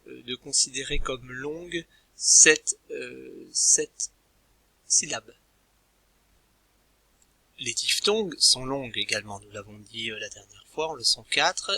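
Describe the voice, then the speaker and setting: A man teaching a recorded language lesson, speaking in a hesitant way with frequent pauses and restarts. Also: medium pitch, creaky, pushed and bright, husky, no echo. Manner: hesitant, many filler sounds and restarts.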